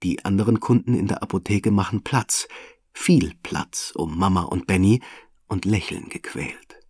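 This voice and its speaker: A man calmly reading a children's story aloud as narrator. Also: low voice, a little slow, slightly rough, dry recording, studio quality.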